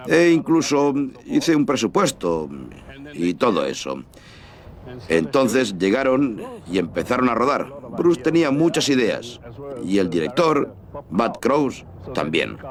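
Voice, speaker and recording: Slow, halting male interviewee. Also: mid-range voice. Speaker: interviewee recalling work on a film. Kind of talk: personal recollection. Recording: crowd noise in the background.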